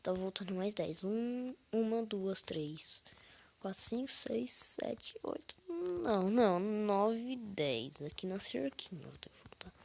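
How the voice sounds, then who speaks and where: A woman's voice: medium pitch, sing-song, takes it slowly, gravelly, a little mellow, a little hiss or hum. A woman casually commenting on her own gameplay, counting under her breath, whispering asides and breaking into sudden frustrated outbursts. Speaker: gaming channel host.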